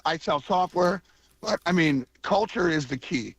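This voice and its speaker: A man with a coarse, gravelly voice from allergies, chatting casually and enthusiastically as a caller to a radio show. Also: high-pitched, expressive, a little slow, a bit bright, no room sound. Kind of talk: casual call-in chat. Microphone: phone call to radio show. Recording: band-limited phone line.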